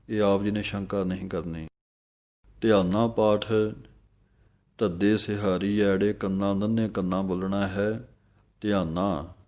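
A man teaches how to recite scripture, speaking in a fairly low voice. He draws each verse out at an unhurried, deliberate pace before explaining its pronunciation in plain terms. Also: darkish tone. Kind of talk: slow, careful recitation lesson.

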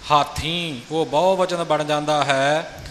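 A man's voice: on the high side, steady tone, slow, a bit bright, long reverb tail, a little hiss or hum. A man teaching scripture pronunciation, patiently explaining and modeling each line. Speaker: recitation teacher. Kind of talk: pronunciation instruction.

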